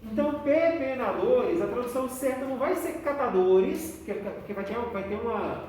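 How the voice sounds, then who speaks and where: A woman's voice: fairly high pitch, animated, normal speed, a little mellow. Woman teacher in an echoey room. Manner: explains patiently, often checks with "tá?". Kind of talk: classroom lesson. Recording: echoey room, distant mic, faint noise.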